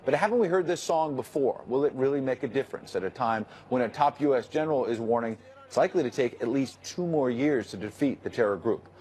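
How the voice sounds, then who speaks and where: A middle-aged man anchoring a cable news show, brisk and wry as he reads tweets and interviews a guest. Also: medium pitch, animated, a little mellow. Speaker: news host.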